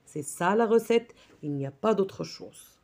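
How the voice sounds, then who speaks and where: A woman's voice: medium pitch, animated, a little slow, darkish tone. Patient woman teaching a spelling lesson. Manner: patient, repeats "d'accord?". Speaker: primary school teacher.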